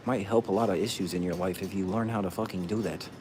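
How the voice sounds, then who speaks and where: A man's voice: sits low, fairly even intonation, fast, background noise. A man answering viewers' questions in casual chat, blunt and profane, tossing "bro" into nearly every thought.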